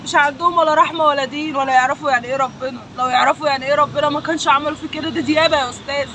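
A woman's voice: high-pitched, fairly even intonation, very fast, sharp tone, a faint crowd, slight background noise, poor audio. A grieving woman with an Egyptian Arabic accent, the victim's sister, speaking emotionally with repeated invocations against the accused in a street interview.

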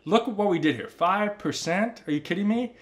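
A man in his thirties, a personal finance YouTuber, explaining over a spreadsheet in an animated, emphatic way, talking straight to the viewer from a home office. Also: high-pitched, a little fast. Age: 30s.

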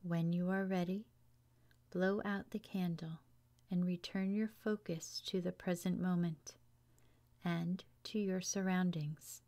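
A woman guides a relaxation meditation in a soft, fairly low voice. She speaks very slowly and soothingly, with long pauses, and her phrases often trail into a breathy hush. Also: fairly even intonation. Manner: slow, soothing, hushed delivery with long pauses. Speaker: yoga teacher guiding meditation.

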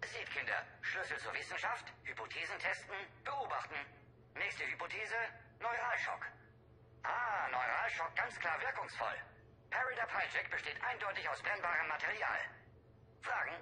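Brisk alien lab guy in a game dub, high, very bright voice, clipped telegram sentences. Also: lively intonation, recorded from a distance, slight background noise, full character voice. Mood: lecturing. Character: brisk alien male scientist, clipped and curious. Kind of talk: video game dialogue, German dub.

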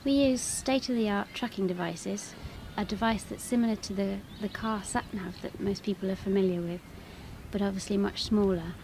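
A woman's voice: medium pitch, moderate pace. A woman in her thirties, a scientist explaining her field work in an outdoor interview. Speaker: seabird scientist being interviewed. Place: open grassy coast, outdoors. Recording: clear background noise outdoors.

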